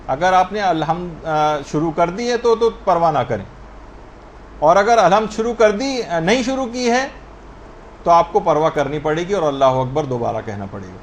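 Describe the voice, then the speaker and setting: A man with a high voice gives a religious lesson on prayer rules. He explains each ruling patiently, slowing down to demonstrate correct pronunciations. Faint noise sits under the recording. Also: lively intonation. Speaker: religious teacher.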